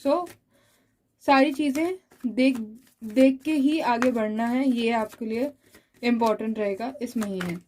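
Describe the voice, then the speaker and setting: A woman reading tarot cards for viewers, explaining each card slowly and speaking directly to the listener. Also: on the high side, darkish tone, a little hiss or hum, low-quality recording. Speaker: tarot reader.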